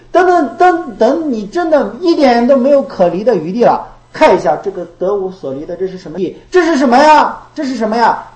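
A woman's voice: medium pitch, a little mellow, reverberant, poor audio. A woman giving a Buddhist dharma talk. She repeats her phrases and asks rhetorical questions. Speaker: Buddhist teacher.

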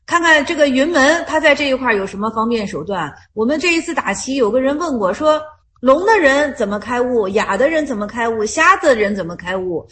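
High-voiced woman teaching Zen stories. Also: lively intonation, fairly quick, a bit bright. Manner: repeats herself, asks rhetorical questions, retells stories in plain speech. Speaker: Buddhist study leader. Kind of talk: teaching Zen koans in casual group study.

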